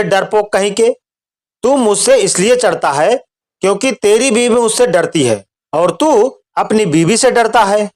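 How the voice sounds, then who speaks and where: A man reading out a string of short jokes in a steady storytelling voice. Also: high-pitched.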